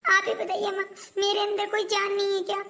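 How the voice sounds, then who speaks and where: Complaining high-pitched woman in a skit. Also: monotone, fairly quick, creaky, sharp tone. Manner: complaining, aggrieved, nagging. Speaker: elder daughter-in-law in a family skit. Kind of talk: scripted family skit acting.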